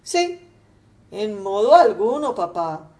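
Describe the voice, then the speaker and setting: A woman's voice: mid-range voice, very animated, slow pace, darkish tone. A woman voicing a stubborn young son who answers his father in curt, defiant replies.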